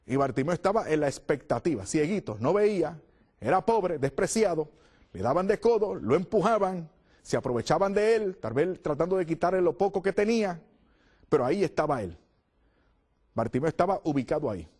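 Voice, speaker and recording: A man's voice: a little high, big pitch swings, a little fast, a little mellow, breathy edge. A man preaching a sermon, telling the story with drama and acting out the voices of the crowd.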